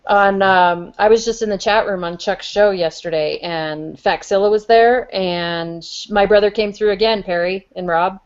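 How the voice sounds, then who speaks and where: A middle-aged woman co-hosting a talk show, chatting casually and telling stories in an animated way. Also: mid-range voice, moderate pace, hardly any pauses, clean tone, dull audio. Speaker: co-host of a paranormal talk show. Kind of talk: casual chat and storytelling. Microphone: video call.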